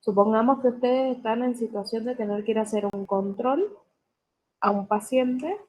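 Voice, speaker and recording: A woman teaching an English class, saying each new word slowly and carefully and repeating it so students can write it down. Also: a little high, darkish tone, low-quality recording. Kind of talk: classroom vocabulary lesson.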